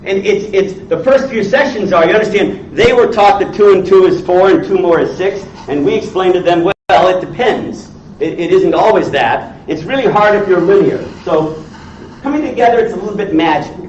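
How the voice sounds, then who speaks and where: A man in his sixties lectures informally with a blunt, needling, salty manner. His voice sits high for a man. It is picked up from a distance in a very echoey room, with a slightly dull sound. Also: moderate pace, a little mellow, slight background noise. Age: 60s. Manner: blunt, teasing, salty, quizzes listeners. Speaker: entrepreneur lecturer. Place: indoor teaching room with audience.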